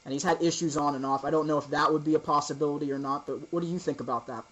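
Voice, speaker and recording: A man hosting an informal interview, asking casual questions in a halting, roundabout way. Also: a little high, steady tone, fairly bright tone, rough recording.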